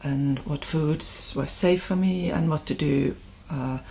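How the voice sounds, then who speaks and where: A woman's voice: deep voice, slow, gravelly, warm tone, slight background noise. A woman from Finland, with a Finnish accent, speaks hesitantly about her own experience as a patient, using many fillers and short, broken phrases. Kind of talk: interview testimony.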